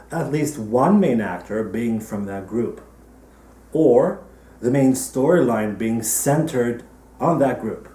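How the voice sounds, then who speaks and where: A man hosting a virtual awards ceremony from home, delivering a dry, deadpan comedic monologue. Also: medium pitch, echoey room, far from the mic. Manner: dry, deadpan topical jokes. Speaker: festival director hosting an awards show.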